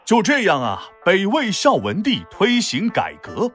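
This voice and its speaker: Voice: mid-range voice, huge pitch swings, unhurried, fairly bright tone, slightly rough, soft background music. A playful, exaggerated storyteller host narrating a scripted history tale for children.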